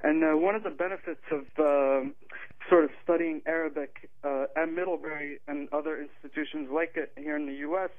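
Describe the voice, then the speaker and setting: A man's voice: on the high side, fairly even intonation, a little fast, no room sound. A man from Morocco, an author and Arabic teacher, calling in to a radio interview, articulate with hesitant fillers. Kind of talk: radio interview over the phone. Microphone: telephone. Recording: tinny phone line.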